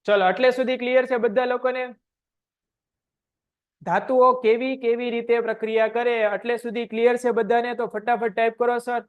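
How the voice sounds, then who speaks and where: A man teaches a science lesson online. He fires short questions at the class and answers them himself in a steady drilling rhythm. The audio is dull and lo-fi. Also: very high-pitched, normal speed, smooth.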